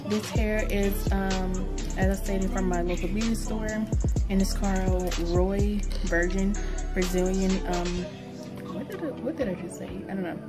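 Young woman, casual vlog review, rambling, stitched mouth after tooth extraction, mid-pitched voice, loud music behind, phone recording. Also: a little slow. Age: young adult. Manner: informal, rambling. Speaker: beauty vlogger. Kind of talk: casual product review chat. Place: small indoor room. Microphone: phone propped at arm's length.

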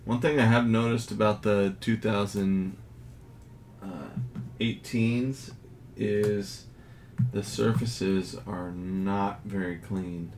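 Slow, low-voiced man listing card grades. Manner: slow, low-key commentary, grades read in a flat list. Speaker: card collector. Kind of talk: casual unboxing narration. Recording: audible background noise.

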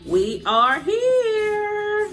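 A woman's voice: very high voice, sing-song, drawn-out words. A woman, a mother filming her family's trip, chatting and narrating as she films. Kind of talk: casual family vlog. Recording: loud music over the voice.

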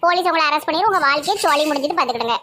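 Comedy sketch: woman plays a bragging schemer, high voice, Tirunelveli Tamil accent. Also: animated, rapid-fire, pushed and bright, a little hiss or hum. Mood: scheming. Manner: brash, bragging. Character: scheming brash young bride-to-be.

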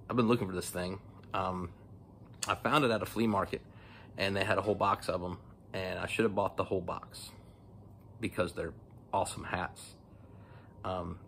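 Man, 40s, lowish voice, relaxed rambling vlog, many ums, phone at arm's length, home garage, faint background hum. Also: vocal fry. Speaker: motorcycle vlogger. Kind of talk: casual product demo. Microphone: phone camera at arm's length.

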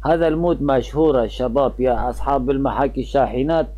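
Easygoing Iraqi man with a mellow voice. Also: mid-range voice, fast talker, dull audio. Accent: Iraqi Arabic. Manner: chatty, easygoing, often trailing off mid-word. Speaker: gaming channel host. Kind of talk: casual gameplay commentary.

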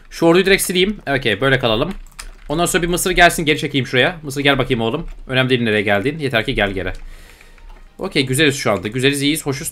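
Fast-talking young man narrating gameplay. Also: mid-range voice, a bit bright. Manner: exasperated, grumbling at the game, slangy. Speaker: gaming YouTuber. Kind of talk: casual let's-play commentary.

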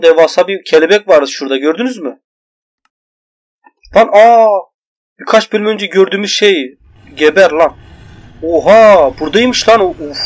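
Excitable young man's gameplay commentary. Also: fairly high pitch. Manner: loud exclamations and swearing at enemies. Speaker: gaming YouTuber. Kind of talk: excited let's-play commentary.

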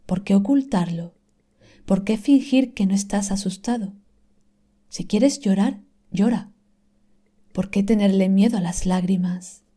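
Woman reader, calm scripted reading, mellow warm tone, unhurried delivery with hushed whispered moments. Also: mid-range voice. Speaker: reader of inspirational texts.

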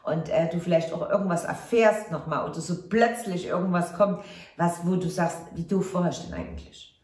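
A woman's voice: lowish voice, fairly even intonation, moderate pace, a little mellow. A woman doing a casual tarot reading to camera, effusive and exclamatory, addressing viewers fondly. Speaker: tarot card reader. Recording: roomy echo.

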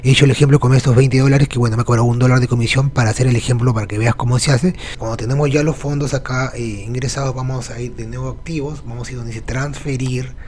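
A man's voice: medium pitch, steady tone, quick pace, hardly any pauses, a little mellow, slight background noise. A man hosting a screen-recorded tutorial, talking casually with frequent fillers and restarts. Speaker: crypto tutorial host.

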